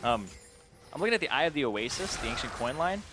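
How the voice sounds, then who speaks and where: A man's voice: mid-range voice, very animated, quick pace, over music. A man giving analytical, joking color commentary on a live esports match. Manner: analytical, joking, laughs often.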